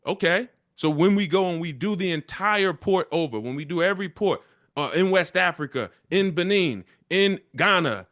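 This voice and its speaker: A man with a notably high-pitched voice delivers a motivational speech to an assembly. He drives his points home with emphatic, repetitive rallying lines, taking questions as the session's leader. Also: fairly bright tone. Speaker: community leader addressing an assembly.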